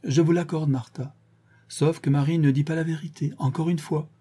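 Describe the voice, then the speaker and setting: A man reading an audiobook, voicing a stern, shrewd woman who questions her servants in a measured, deliberate way. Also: a little high, fairly even intonation, mellow, breathy edge, voice pushed up. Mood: cold.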